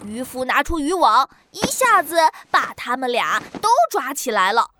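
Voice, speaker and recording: A woman narrating a children's story in a gentle, expressive way. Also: sits high, a little hiss or hum. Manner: gentle, expressive, slow-paced.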